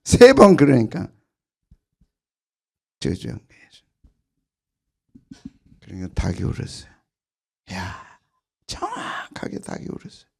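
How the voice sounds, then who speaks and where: Emphatic, gravelly male pastor preaching. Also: deep voice, huge pitch swings, slow, long pauses. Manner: emphatic and repetitive, with sudden loud bursts and soft drops. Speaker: senior pastor. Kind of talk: early-morning prayer sermon.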